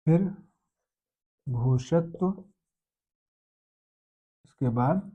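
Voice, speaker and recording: A man with a fairly high voice draws out his words as he walks through a grammar lesson step by step, posing questions and answering them himself. The recording has a dull, lo-fi sound.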